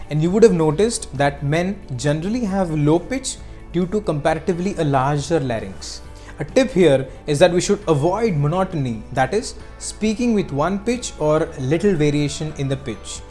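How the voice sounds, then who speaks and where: A teacher giving scripted narration on speaking skills, explaining clearly and acting out short examples. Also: mid-range voice, animated, moderate pace, darkish tone, soft background music.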